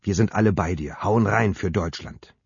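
A man's voice: lowish voice, normal speed, gravelly, slightly rough, dry recording, dull audio. A man voicing a serious football captain who speaks earnestly and solemnly.

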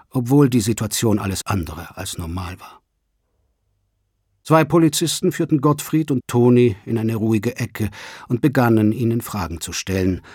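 A man reading a crime novel aloud as a narrator, in a measured, even way, with a husky voice. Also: medium pitch, no room sound, clean studio sound. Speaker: audiobook narrator. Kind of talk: scripted narration.

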